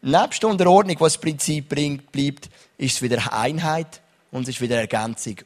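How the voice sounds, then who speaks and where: A young man preaching a sermon as pastor, reading Bible verses and often turning to his listeners with a questioning "oder?". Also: mid-range voice. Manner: lively preaching, reads Bible verses, asks the crowd "oder?".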